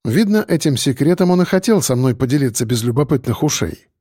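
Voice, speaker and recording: A man narrating a first-person audiobook in a calm storytelling manner. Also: mid-range voice, a little fast, slightly rough, dry recording, studio quality.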